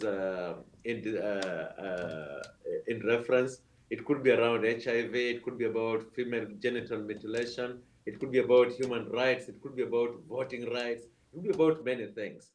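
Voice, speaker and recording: A Kenyan theatre producer speaks earnestly on a video call panel discussion, his mid-range voice sounding roomy. He repeats words as he searches for the right phrasing.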